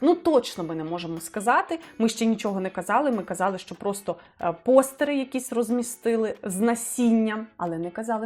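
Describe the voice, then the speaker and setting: A woman tutor with a Ukrainian accent explaining exam answers step by step, thinking aloud with frequent fillers. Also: a little high. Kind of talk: test walkthrough lesson.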